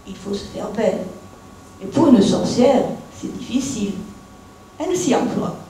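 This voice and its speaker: A woman storyteller reading a Christmas tale aloud in an expressive, homely way. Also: medium pitch, far from the mic, slight background noise. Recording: echoey room.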